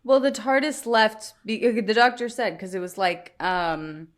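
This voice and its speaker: A woman's voice: mid-range voice, unhurried. A woman co-hosting a podcast in casual chat, rambling and laughing often. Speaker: podcast co-host.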